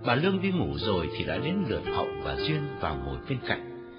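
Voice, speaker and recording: A man narrating a novel as an audiobook in an expressive storytelling reading. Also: on the low side, fairly quick. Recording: dull lo-fi recording with faint music.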